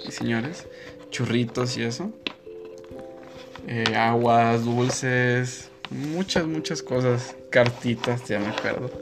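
Slow, rambling young Mexican man. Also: medium pitch. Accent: Mexican Spanish. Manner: rambling, self-correcting, laughs often. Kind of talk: casual personal storytelling. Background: guitar music.

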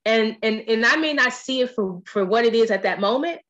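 A woman hosting a podcast in casual conversation, animated and playful. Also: a little high, a little fast, lo-fi sound. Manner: animated, playful, quotes friends in lively voices. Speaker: podcast host.

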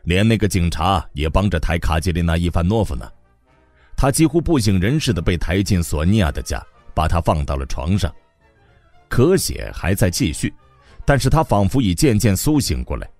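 A man narrating an audiobook in an expressive storytelling manner. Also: deep voice, normal speed, dry recording, faint music behind.

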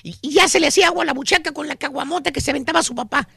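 Squeaky, very high Mexican storyteller. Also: male voice, rapid-fire, creaky, a crowd in the background, heavily acted. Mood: teasing, excited. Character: cartoonish high-pitched gossiping storyteller, male, slangy and teasing. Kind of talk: comic radio bit storytelling.

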